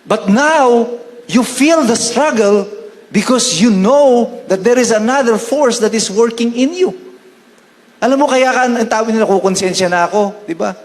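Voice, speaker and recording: A man with a Filipino accent preaching a sermon as a pastor, moving between Tagalog and English and slowing down to quote scripture. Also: very high voice, big-room sound.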